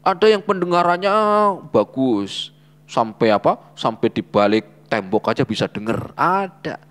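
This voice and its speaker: A man giving an Islamic study lecture as a religious teacher, preaching in a lively way, asking rhetorical questions and dropping frequent short fillers. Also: mid-range voice, unhurried.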